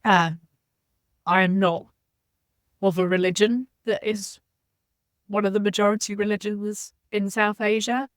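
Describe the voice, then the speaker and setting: A woman's voice: mid-range voice, steady tone, a little slow, long pauses, dry recording. A woman from Zambia, a podcast guest, speaking in a reflective, candid way. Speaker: guest, social impact leader. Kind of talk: podcast interview.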